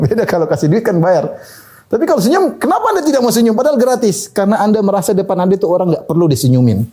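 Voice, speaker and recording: A man's voice: high voice, sing-song, fast talker, warm tone. A male preacher giving a conversational sermon, laughing at his own asides and acting out the people he quotes in short bits of voice. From Indonesia.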